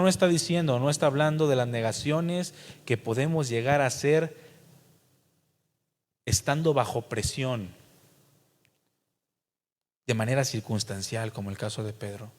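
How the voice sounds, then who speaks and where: A man's voice: mid-range voice, a little mellow, big-room sound. A pastor with a Mexican accent preaching a sermon, emphatic and speaking straight to his congregation. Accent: Mexican Spanish.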